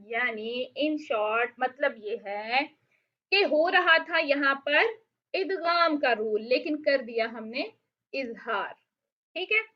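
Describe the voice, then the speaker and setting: A woman teaching Quran recitation rules, patiently explaining and asking questions she then answers herself, with slow drawn-out recited verses. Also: high-pitched. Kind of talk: online tajweed lesson. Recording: dull lo-fi audio.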